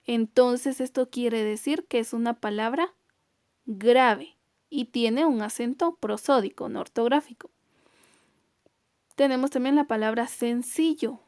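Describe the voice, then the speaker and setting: A woman teaching a recorded class in a somewhat high voice, moving at an unhurried, patient pace. She lingers on example words and pulls them apart so each syllable can be heard. The sound is close and dry, with no room around it. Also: a little mellow, dry recording. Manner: careful, stretches example words slowly syllable by syllable. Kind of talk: recorded online class explanation.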